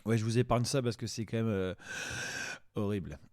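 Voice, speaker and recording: A man's voice: fairly low pitch, moderate pace, a little mellow, no room sound, clean studio sound. A man doing casual, exasperated and crude mocking commentary as a video host.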